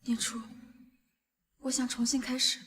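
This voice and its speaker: Heartbroken ex-wife, higher voice, defiant and emotional, reverby sound. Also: female voice, flat delivery, unhurried, fairly bright tone. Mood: wistful. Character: heartbroken young ex-wife, proud but lovesick. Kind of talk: TV drama acting.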